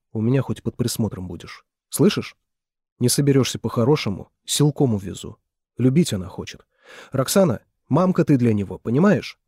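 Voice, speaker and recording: A man voicing a gruff, domineering older brother who talks bluntly and gives orders, with a husky voice. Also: medium pitch, darkish tone, no echo, clean studio sound. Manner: blunt and commanding.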